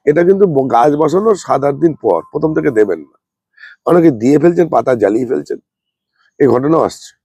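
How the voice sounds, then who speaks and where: A man, unwell, giving a slow, plain, repetitive gardening demonstration as a channel host. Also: a little high, animated, creaky, warm tone, no room sound. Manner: speaks slowly and plainly, repeating points.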